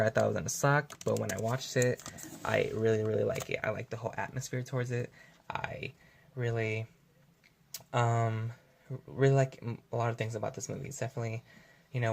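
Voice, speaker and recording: A man's voice: medium pitch, fairly even intonation, fairly quick, creaky. A young man talking casually to camera in a home video, rambling with lots of fillers and restarts as he corrects himself. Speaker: vlogger. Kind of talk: casual unscripted video review.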